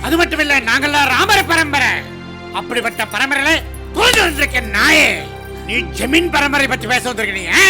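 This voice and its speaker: A man's voice: very high-pitched, lively intonation, normal speed. A man playing a stern proud zamindar patriarch. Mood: furious. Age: older. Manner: commanding, scolding, shouts when angry. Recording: music playing behind.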